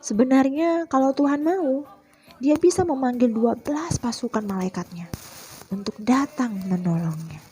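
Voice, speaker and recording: A woman's voice: high-pitched, moderate pace, warm tone. A woman teaching a Sunday school class, telling a Bible story expressively and talking directly to the children.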